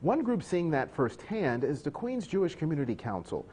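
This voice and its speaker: A man delivering a scripted news report voice-over in a measured way. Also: a little high, sing-song, darkish tone.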